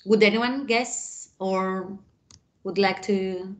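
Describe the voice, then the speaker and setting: Slow-paced woman moderating an online webinar. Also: mid-range voice, fairly even intonation. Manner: slow, relays participants' answers. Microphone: video call.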